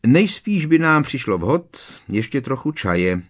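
A man voicing a kindly, gentle old wizard headmaster who speaks slowly with quiet amusement. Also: medium pitch, very animated, pitched above the performer's own voice. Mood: genial.

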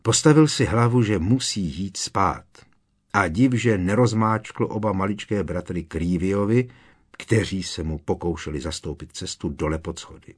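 A man narrating a fantasy audiobook in a measured storytelling manner. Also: deep voice, breathy edge. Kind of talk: scripted narration.

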